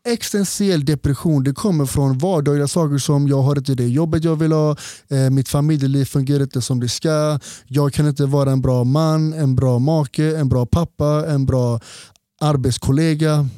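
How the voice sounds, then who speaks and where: A man's voice: fairly high pitch, fairly even intonation, warm tone, dry recording, studio quality. A man who is a doctor, explaining health topics in a casual podcast conversation and laying out his points one by one. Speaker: doctor guest.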